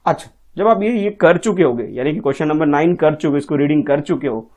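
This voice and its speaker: A man's voice: a little high, a little fast, a little mellow. A man teaching a textbook lesson to young children, patient and often checking in with the class. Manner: patient, repeats "ठीक है?" often.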